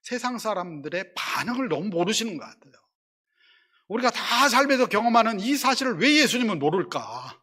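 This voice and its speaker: A man's voice: high voice, sing-song, a little fast, pushed and bright, breathy edge. A male pastor preaching a sermon in a conversational way, asking the congregation questions and acting out quarrelling voices in quotes. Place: church sanctuary.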